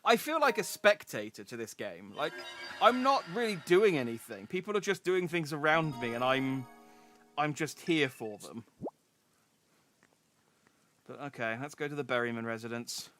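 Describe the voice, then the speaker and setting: A man's voice: mid-range voice, expressive, moderate pace, a bit bright, soft background music. A man casually commenting as he plays a game and reads its dialogue aloud. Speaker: streamer.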